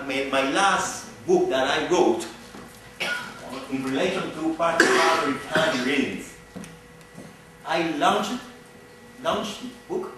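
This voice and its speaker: This Cuban visiting speaker, a middle-aged man whose first language is Spanish, lectures publicly in a Cuban Spanish accent. He's earnest and frequently circles back over phrases while finding his words. His voice sits on the high side with a fairly bright tone, picked up from afar in a big echoing hall, with a little hiss or hum.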